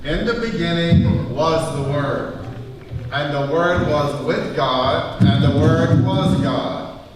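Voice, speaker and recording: Slow, echoey man acting as a devout storytelling apostle. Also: fairly high pitch, very noisy. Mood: reverent. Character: John the apostle, devout man calmly recalling Jesus. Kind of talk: church stage dramatization with scripted scripture recitation. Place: large church, live performance. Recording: live church hall, very echoey, distant, music behind.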